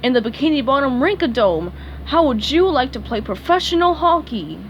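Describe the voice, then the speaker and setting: A woman voicing a smooth-talking male sports agent in a storybook reading, slow and persuasive. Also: high-pitched, sing-song, highs cut off, slight background noise. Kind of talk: storybook read-aloud.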